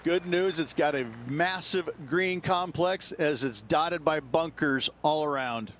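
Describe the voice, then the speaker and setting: A man's voice: a little high, unhurried, fairly bright tone, slight background noise. A man playing a golf course analyst, giving commentary in a video game. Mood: appreciative.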